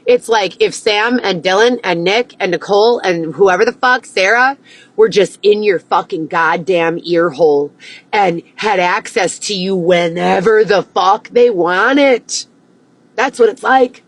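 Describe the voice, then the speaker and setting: A woman livestreaming a profane, agitated monologue that at times rises close to yelling. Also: medium pitch, a little slow. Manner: agitated, swearing, rising to near yelling.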